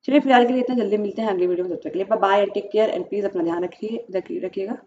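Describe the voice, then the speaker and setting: A woman's voice: mid-range voice, fast, mellow. A woman teacher explains exam points, reading questions aloud and repeating key terms with frequent check-ins. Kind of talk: exam prep lesson, reading and explaining one-liners. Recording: muffled, distant home recording with faint noise.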